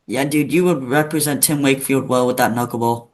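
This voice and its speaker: A man's voice: mid-range voice, steady tone, fairly quick. A male interview host asking short, plain questions in a casual way.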